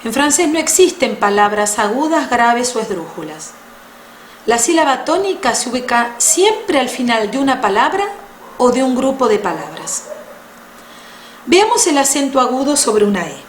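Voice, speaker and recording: A woman with a high voice gives a patient French lesson, lingering over each sound. Her pitch rises and falls a lot as she explains. The room echoes, with a faint hiss and keyboard clicks behind her. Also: very animated. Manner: patient, slow, spells out sounds. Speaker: French teacher. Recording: roomy echo with faint noise.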